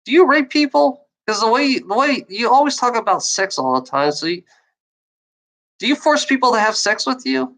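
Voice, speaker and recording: Slightly high-pitched and animated, this woman talks at a normal speed with a somewhat bright tone. She's a streamer with a stutter, going off at chat trolls in a repetitive, rambling livestream rant full of restarts and profanity.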